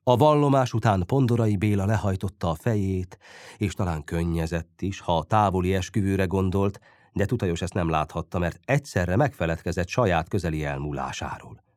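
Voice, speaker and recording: A man narrating a novel aloud as an audiobook, with expressive, storytelling delivery. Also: low-pitched, no echo, clean studio sound. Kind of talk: scripted narration.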